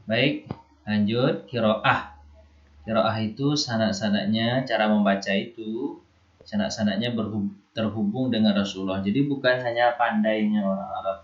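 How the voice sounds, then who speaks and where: A man's voice: lowish voice, fairly even intonation, normal speed. Guy teaching a religious lesson, keeps repeating words for students, kinda echoey dull audio. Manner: teacherly, repeats and drills terms, checks with "ya". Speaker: Islamic studies teacher. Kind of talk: recorded lesson.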